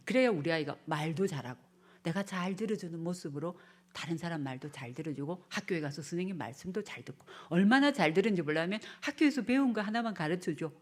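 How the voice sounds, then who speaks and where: A woman's voice: lowish voice, a little mellow. A woman giving a lecture at a church family seminar, acting out parents' and children's lines and sometimes dropping to a whisper.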